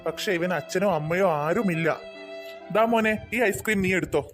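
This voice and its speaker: A man's voice: sits high, moderate pace, faint music behind. A man voicing a kind father in a cartoon who patiently lectures his children. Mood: gentle. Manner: gentle, preachy, patient. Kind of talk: cartoon voice acting.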